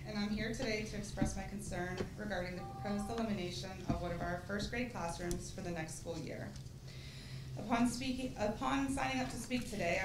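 A woman in her thirties, a parent, reading a prepared statement at a podium in a concerned, steady, matter-of-fact way in a meeting room. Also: medium pitch, reverberant, heavy background noise. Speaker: parent speaking at public comment. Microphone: podium microphone filmed by far camera.

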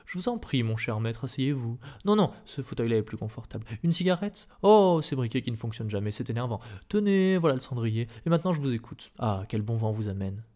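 A man voicing a placid, oily newspaper director who hems and hedges, in a soft-spoken ASMR reading. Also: mid-range voice, moderate pace, lightly acted. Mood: affable. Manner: oily, hesitant with ums. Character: smooth, placid middle-aged male newspaper director, unctuous.

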